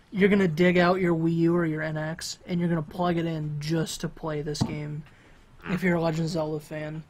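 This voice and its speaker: A man co-hosting a video game podcast, talking casually and rambling, with lots of fillers and restarts. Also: on the high side. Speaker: podcast co-host. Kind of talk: casual chat.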